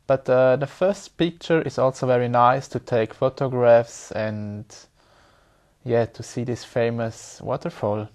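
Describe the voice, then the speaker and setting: A man's voice: mid-range voice, fairly even intonation, a little slow, a little mellow. A young man from Switzerland, an exam candidate speaking hesitantly and repeating words as he searches for English.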